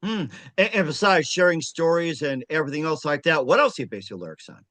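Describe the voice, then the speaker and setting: A male host leads a casual interview and asks curious follow-up questions. His voice sits a bit high for a man and sounds close and dry. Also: animated, quick pace, bright, forceful tone, no room sound. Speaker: show host. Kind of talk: interview hosting.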